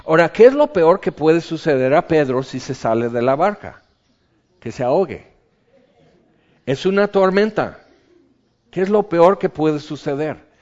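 A man's voice: a little high, expressive, a little slow, pauses often, darkish tone. Man preaching, lo-fi sound. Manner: conversational teaching with rhetorical questions and asides. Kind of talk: sermon. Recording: dull lo-fi recording.

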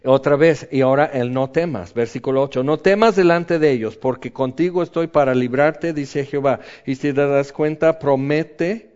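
A man preaching a sermon in an animated way, acting out quotes with sudden high yelps. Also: moderate pace, hardly any pauses. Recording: dull lo-fi recording.

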